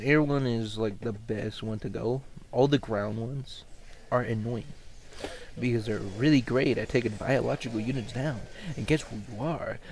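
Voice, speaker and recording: A man's voice: medium pitch, creaky, darkish tone, slight background noise, rough recording. A man casually talking through a strategy game match, rambling with lots of fillers and restarts. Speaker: gamer commentating his match. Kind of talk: casual gameplay commentary.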